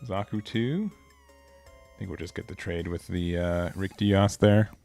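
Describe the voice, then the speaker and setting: A man's voice: low voice, measured pace, vocal fry, darkish tone, soft background music. A man hosting a live card game tournament stream, commentating casually in a laid-back, rambling way with self-mocking asides.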